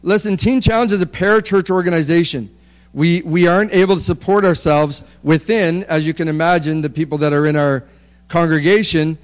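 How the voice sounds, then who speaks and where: A man's voice: a little high, steady tone, fairly quick. A man presenting a ministry's work from slides to a congregation, joking and using many fillers. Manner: joking, filler-heavy, chatty.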